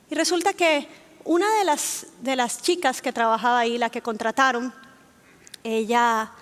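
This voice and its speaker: A woman teaching in a church setting, telling a personal testimony in a lively storytelling way and acting out the dialogue. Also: high voice.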